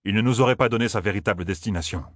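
A man's voice: lowish voice, rapid-fire, dry recording, studio quality, voice pushed up, natural voice. A man voicing a weary, stubborn warrior lord who speaks curtly, in a fantasy audiobook. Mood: alarmed.

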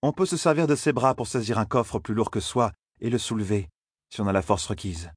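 A man's voice: lowish voice, expressive, brisk, breathy edge, no room sound. A powerful older sorceress ruler speaks with cool, mocking condescension, as a man voices her. The sound is close and dry, in the style of a dramatized audiobook. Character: stern, powerful older woman leader of a sorcerous order.

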